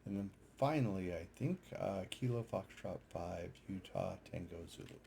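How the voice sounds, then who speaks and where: A man with a low, creaky voice and lively intonation talks at a normal speed over some background noise. He's an amateur radio operator and video host doing casual screen-share commentary on data charts, unscripted and hesitant, thinking aloud as he goes.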